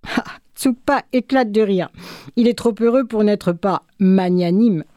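A woman telling a folk tale aloud in an expressive, measured way. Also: medium pitch, no echo, studio quality. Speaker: storyteller.

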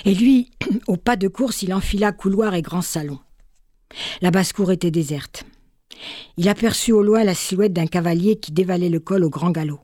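Woman narrating a dark fairy tale, mellow low voice, dry close sound. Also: no room sound. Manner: measured, expressive narration. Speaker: storyteller. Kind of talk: literary fairy-tale reading.

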